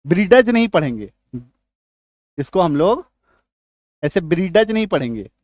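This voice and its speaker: A man giving an English pronunciation lesson in a fairly high voice. He spells words out slowly letter by letter and keeps asking his class questions. The recording is dry and close, with no room sound. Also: sing-song, a little mellow, dry recording. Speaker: English teacher.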